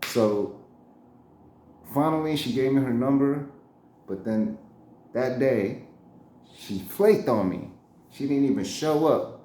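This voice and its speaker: A man's voice: mid-range voice, slow, pauses often, warm tone. A man around forty telling a story in casual slang, laughing often and acting out what people said. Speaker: storyteller, channel host. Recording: roomy echo.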